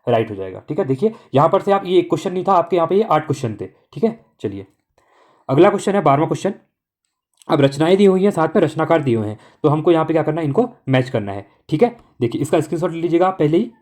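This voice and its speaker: Brisk, fast-talking male exam tutor. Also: fairly high pitch, lively intonation, darkish tone. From Uttarakhand. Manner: brisk, repeats "okay" constantly, coaching tone. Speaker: exam-prep teacher. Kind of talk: online exam-prep lesson.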